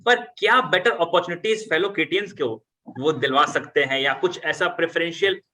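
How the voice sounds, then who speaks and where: A man moderating an alumni panel, asking questions hesitantly with many filler pauses. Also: on the high side, sharp tone. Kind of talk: conversational panel talk.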